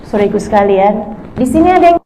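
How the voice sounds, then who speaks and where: A woman in her forties from Indonesia, an Islamic preacher giving a sermon to women, telling stories in a lively way and acting out what a husband and a wife say. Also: mid-range voice, quick pace, slight background noise, poor audio. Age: 40s. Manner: lively storytelling, acts out voices of husband and wife.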